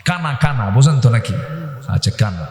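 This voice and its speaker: A man's voice: mid-range voice, lively intonation, moderate pace, darkish tone. A man preaching a sermon, calling out to his audience for responses and telling humorous stories. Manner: call-and-response with the audience, dramatic rising exclamations; humorous storytelling. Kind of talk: Islamic sermon at an evening gathering. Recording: echoey PA sound with long reverb.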